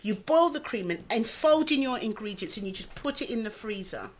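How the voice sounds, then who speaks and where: A woman's voice: a little high, a little fast. A woman comedian telling stories in casual chat, blunt and sweary. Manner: blunt, sweary, animated storyteller. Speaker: podcast co-host, comedian.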